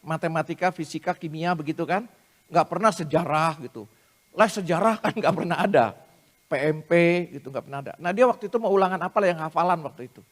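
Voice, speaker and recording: Animated man preaching with storytelling. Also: a little high, fast talker. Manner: animated storyteller addressing the congregation directly; self-deprecating humor. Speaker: speaker at a prayer meeting. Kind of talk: sermon with personal storytelling.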